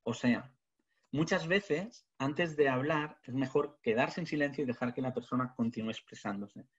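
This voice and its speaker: A man leads a business communication webinar from his webcam. He keeps asking rhetorical questions in a lively way. His voice sounds a bit husky, and the audio comes through dull and lo-fi. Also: medium pitch, normal speed. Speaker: communication trainer. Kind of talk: webinar talk. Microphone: webcam video call.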